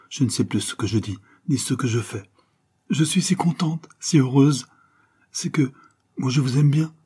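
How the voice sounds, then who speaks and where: A man's voice: mid-range voice, mellow, voice pushed up. Man voicing a gushing older landlady. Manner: effusive, gushing, breathy whispered asides. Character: voluble kindly older woman, boarding-house landlady. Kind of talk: audiobook character voice.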